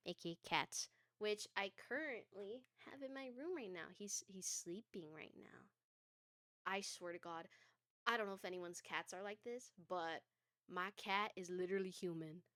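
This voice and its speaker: A woman's voice: medium pitch, normal speed, sharp tone, clean tone, no room sound, clean studio sound. A young adult woman streaming from her bedroom, chatting casually and scattered, laughing often. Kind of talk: casual live-stream chat. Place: home bedroom.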